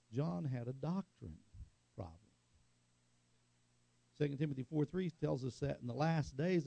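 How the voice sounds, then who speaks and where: A man's voice: a little high, creaky, dark tone, no room sound. A middle-aged man preaching a sermon in a conversational way, telling stories and asking the congregation for an amen. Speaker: pastor.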